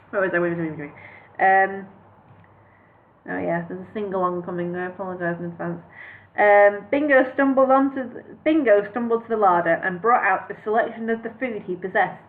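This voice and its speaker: A woman reads a story aloud on a casual live stream, chatty and apologetic, stopping often for hesitant fillers. Her voice sits at an ordinary middle pitch. It comes through a narrow, tinny, phone-like channel.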